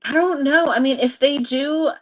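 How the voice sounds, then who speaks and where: A woman's voice: sits high, normal speed, rough recording. A woman co-hosting a casual live-stream chat over a video call, speaking hesitantly and trailing off.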